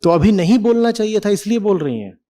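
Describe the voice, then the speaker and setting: A man's voice: high-pitched, expressive, brisk, mellow. A middle-aged man answering questions in a live hall session, blunt and teasing with rhetorical questions. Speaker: spiritual teacher answering questions. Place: large hall at a festival.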